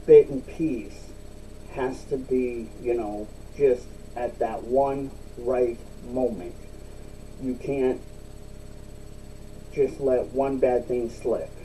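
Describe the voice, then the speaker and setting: Man, very dark muffled tone, slow pace, dip of chewing tobacco in lip, casual vlog rambling, distant mic. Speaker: video blogger. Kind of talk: casual solo vlog talk, rambling explanation. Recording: distant mic, faint rumbling background noise.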